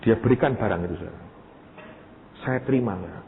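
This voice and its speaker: A man's voice: on the low side, fast talker, gravelly. A male pastor preaching a storytelling sermon and acting out the people he quotes. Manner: lively, animated storytelling, acting out quoted voices. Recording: tinny phone-like sound with faint noise.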